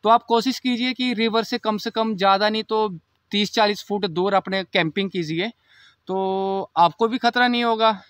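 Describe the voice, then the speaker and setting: With a high, fairly bright and clean voice at normal speed, a young man offers camping tips to viewers as he walks through a nighttime forest for a casual vlog. A companion holds the phone camera, yet the sound is clean, studio-like and echo-free.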